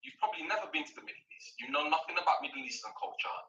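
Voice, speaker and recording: A man's voice: a little high, expressive, very fast, sharp tone. A man on a live panel making an insistent, argumentative case. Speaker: panel caller. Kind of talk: heated debate. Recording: echoey and distant.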